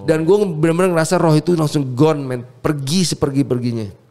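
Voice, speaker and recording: A man's voice: fairly high pitch, brisk, soft background music. Fervent man. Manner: fervent, animated storyteller, mixes English words into slang. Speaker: music producer guest. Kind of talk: emotional personal testimony in casual chat.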